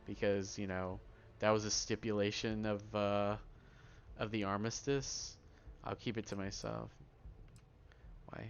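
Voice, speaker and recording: A man giving casual, rambling playthrough commentary on a video game, with informal, halting asides as he plays. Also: on the low side, flat delivery, creaky, clean tone. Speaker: gamer playing and commenting. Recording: dull microphone, faint background noise.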